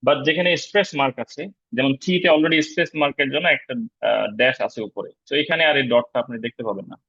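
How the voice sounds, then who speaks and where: A man teaching an online spoken-English class in a relaxed, explanatory way, pausing often on fillers. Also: mid-range voice, dry recording, lo-fi sound. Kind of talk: online lecture on pronunciation. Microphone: video call.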